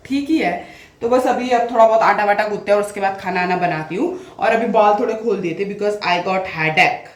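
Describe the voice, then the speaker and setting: A woman's voice: mid-range voice, normal speed. A woman, chatting in a rambling, casual way in a daily home vlog, often mixing in English phrases. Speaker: vlogger.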